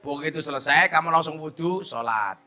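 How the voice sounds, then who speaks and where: A middle-aged man with a Javanese accent preaching a lively sermon, joking and teasing, swinging from soft talk to shouts. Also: fairly high pitch, a little fast. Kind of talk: lively sermon with audience banter.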